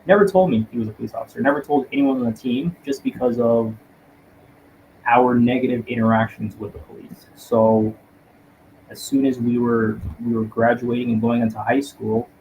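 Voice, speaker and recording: A man from Canada, a detective inspector and guest, telling his personal story in a reflective, earnest way with frequent pauses. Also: medium pitch, fairly even intonation, darkish tone, a little hiss or hum, poor audio.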